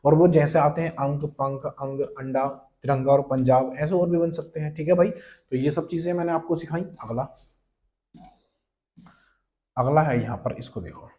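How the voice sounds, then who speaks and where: A man's voice: fairly high pitch, moderate pace, warm tone. A young man teaching a Hindi grammar class online, repeating each key term and quizzing the viewer as brother and friend. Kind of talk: online exam-prep class.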